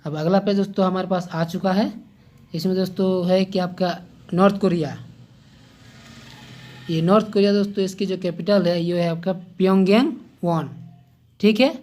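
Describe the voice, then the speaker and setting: A man's voice: high-pitched, fairly even intonation, a little mellow. A man giving a casual exam-prep lesson, chatty and a little hesitant, often checking in with "okay?" and addressing listeners as friends. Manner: pauses and hesitates, loses his place. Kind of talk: casual general-knowledge lesson.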